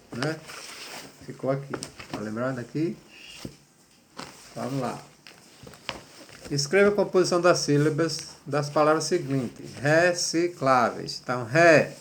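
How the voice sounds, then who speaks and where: Brief: man, slightly high voice, patient grade-school teacher, encouraging. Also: a bit bright. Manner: patient, encouraging, spells out syllables. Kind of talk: remote classroom lesson.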